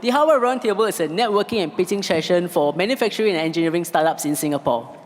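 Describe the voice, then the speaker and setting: Measured co-host in a reverberant hall. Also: male voice, sits high, animated. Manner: measured, reading announcements. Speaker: event co-host. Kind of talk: scripted stage hosting. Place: event hall.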